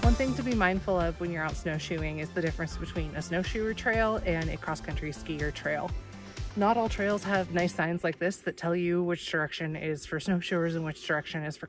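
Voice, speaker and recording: A young woman giving practical, friendly advice on a snowy outdoor trail. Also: lowish voice. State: a little out of breath from hiking. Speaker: outdoor vlogger. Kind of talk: casual outdoor explainer. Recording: music playing underneath.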